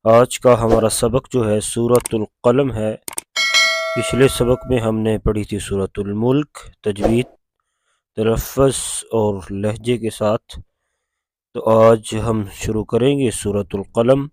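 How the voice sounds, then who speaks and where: A man with an Urdu accent teaching Quran recitation, chanting verses slowly and then explaining the rules in quick plain speech. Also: fairly low pitch, steady tone, noisy background. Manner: alternates slow drawn-out recitation with quick spoken explanation. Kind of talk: tajweed lesson with slow recitation.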